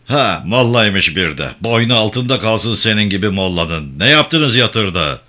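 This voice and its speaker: A man reading a novel aloud, voicing a harsh, bullying gendarme chief who shouts threats and insults. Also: fairly low pitch, lively intonation, a little slow, heavily acted. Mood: barking, menacing.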